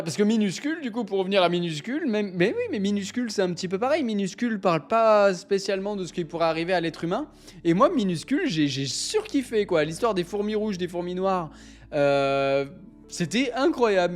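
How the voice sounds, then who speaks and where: A young man hosting a live stream, chatting casually with viewers in an excitable, rambling way, often interrupting himself. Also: high-pitched. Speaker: livestream host.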